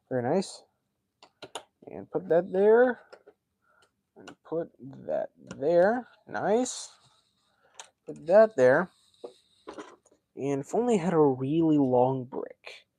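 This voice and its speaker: A man's voice: on the high side, darkish tone. A man hosting a casual live stream, chatting and thinking aloud as he builds, a self-described yapper. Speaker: livestream host.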